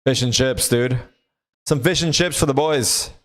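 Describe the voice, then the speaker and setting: Male esports co-streamer: unhurried, mid-pitched, casual and slangy, chatting to viewers with some swearing. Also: a bit bright. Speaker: livestream co-streamer reacting to esports. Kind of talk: casual chat commentary.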